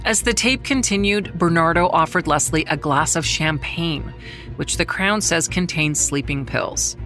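A middle-aged journalist narrating a true-crime story in a measured, somber way, slowing down on the grave details. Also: mid-range voice, sharp tone, soft background music. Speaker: journalist who covered the trial, narrating.

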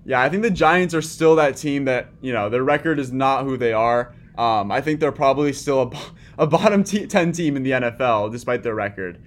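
Speaking fairly quickly in a medium-pitched voice, this sports podcast co-host leads the conversation. The chat is loose, and he keeps using fillers and starting sentences over.

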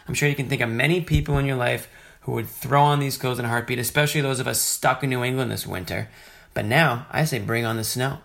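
A man's voice: mid-range voice, vocal fry, a bit bright. A man delivering a conversational, scripted sponsor read straight to listeners. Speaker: sponsor ad reader.

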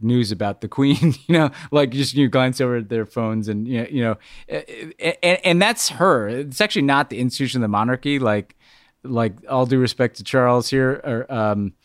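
Man, podcast host, casual, halting delivery, repeated words, mid pitch, very dry close sound. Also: no room sound. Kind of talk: casual conversation and interviewing.

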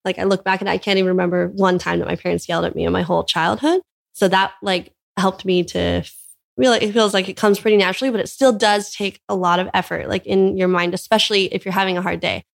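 A woman's voice: medium pitch, steady tone, fast talker, gravelly. A young woman from California, a mother of young children, talking earnestly in a casual interview, with lots of "like" in her speech. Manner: earnest, filler-heavy with frequent "like". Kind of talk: casual conversation.

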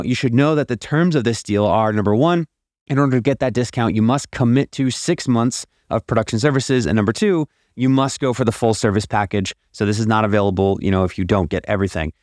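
A man's voice: mid-range voice, no echo. A man hosting a podcast from an attic, delivering an emphatic, promotional scripted monologue about offers. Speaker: podcast host. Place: attic of a house. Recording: dry, produced podcast audio recorded in an attic.

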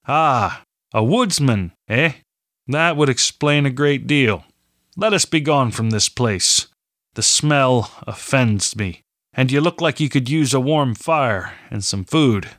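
A man's voice: medium pitch, lively intonation, slow pace, fairly bright tone, dry recording, studio quality. A man voicing an elderly village man, wary of strangers at first and then welcoming, in an audiobook reading.

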